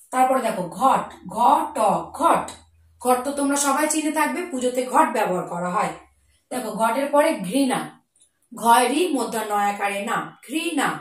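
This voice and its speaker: A woman's voice: on the high side, fairly bright tone, recorded from a distance. Echoey woman teacher spelling words. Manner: spells words out slowly, explains each to children. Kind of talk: children's Bengali spelling lesson. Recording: echoey room, voice off-mic.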